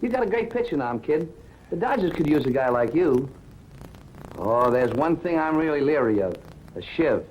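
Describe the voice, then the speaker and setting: A wisecracking Brooklyn gumshoe. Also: male voice, on the high side, big pitch swings, normal speed, a little mellow, rough recording. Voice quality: breezy wisecracking drawl. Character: wisecracking Brooklyn ex-cop detective, breezy and sarcastic. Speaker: private investigator. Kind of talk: 1940s film acting. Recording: old film soundtrack with faint hiss.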